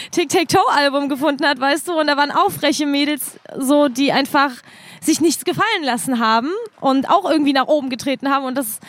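A woman's voice: high voice, no room sound. A young woman rapper as an interview guest, talking casually and directly, often checking in with "you know". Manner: colloquial and direct, keeps asking "weißt du".

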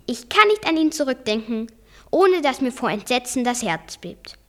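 A student reading a novel aloud with a careful, deliberate read-aloud delivery, introducing the book and narrating the story. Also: female voice, high-pitched, big pitch swings. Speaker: student reader.

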